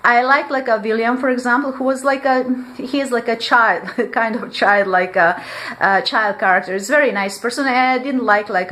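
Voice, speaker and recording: A woman vlogger speaks English as a second language in a rambling monologue, leaning heavily on "like," restarting often, making small grammar slips, and laughing between phrases. Her voice is mid-range with a sharp tone.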